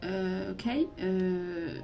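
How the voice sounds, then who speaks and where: A woman's voice: on the low side, completely flat delivery, drawn-out words, vocal fry, warm tone, soft background music. Giggly rambling woman reading cards. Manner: giggly, rambling, slips into English words. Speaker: tarot and oracle card reader. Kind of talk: casual card-reading video.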